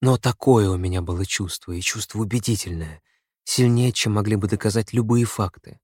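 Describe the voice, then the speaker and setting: A man reading a first-person story aloud in a measured, brooding way. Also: on the low side, darkish tone, breathy edge, no room sound, studio quality. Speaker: narrator. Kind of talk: scripted audiobook narration.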